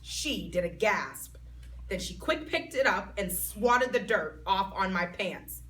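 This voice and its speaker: A woman reading a children's chapter book aloud in an expressive, child-like narrating voice. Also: medium pitch, slow. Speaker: storytime reader. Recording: voice a bit far from mic, faint background noise.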